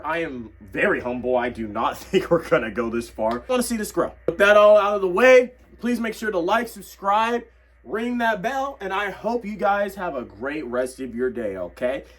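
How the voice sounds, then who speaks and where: A young man, hoarse from losing his voice, ranting in excitable yells with sudden quiet asides for a comedy vlog. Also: sits high, moderate pace. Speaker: comedy vlogger. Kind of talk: comedic tier-list rant.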